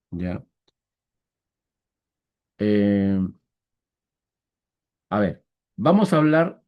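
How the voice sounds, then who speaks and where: A male teacher with a mellow, relaxed voice gives an online math lesson over a video call. He walks through each example slowly and deliberately. He keeps pausing to check that his students are following. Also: lowish voice. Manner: patient, repetitive, checks understanding with "¿ya?"; slow, deliberate step-by-step counting.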